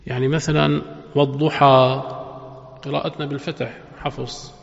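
A man's voice: mid-range voice, little pitch movement, normal speed, creaky. A man, a sheikh giving a religious lesson who asks listeners rhetorical questions and chants verses melodically. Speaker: sheikh teaching Quran exegesis. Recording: echoey hall, dull lo-fi sound.

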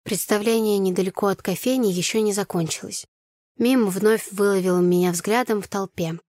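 A woman narrating a first-person novel in an even, storytelling delivery. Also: medium pitch, normal speed, no room sound, clean studio sound. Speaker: audiobook narrator.

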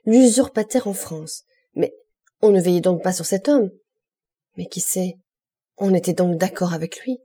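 An imperious old king barks orders, indignant and commanding, his voice low and husky, as a woman reads him in an audiobook. The tone stays mellow and dark beneath his anger. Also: flat delivery, moderate pace.

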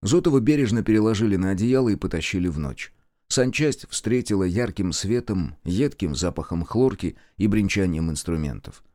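A man narrating a war audiobook in expressive scripted storytelling. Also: deep voice, moderate pace, dry recording, studio quality.

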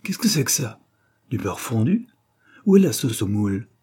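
A man's voice: mid-range voice, big pitch swings, moderate pace, dark tone, breathy edge. A man voicing a spoiled rude young man. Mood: peevish. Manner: curt, complaining.

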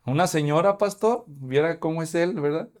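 Pastor preaching conversationally. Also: male voice, on the high side, moderate pace, a little mellow. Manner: conversational preaching with questions to the congregation. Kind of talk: sermon.

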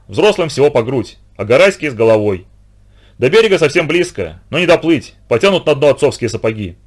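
A man reading a story aloud in a steady, expressive audiobook narration. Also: on the high side.

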